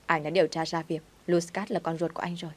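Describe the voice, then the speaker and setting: A woman's voice: low voice, level tone, quick pace. A woman reading the lines of a pleading young man in a told story.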